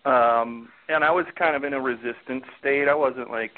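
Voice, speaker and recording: A man's voice: medium pitch, fairly even intonation, normal speed. A man telling a candid, self-deprecating story in casual chat, laughing easily. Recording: tinny phone-like audio.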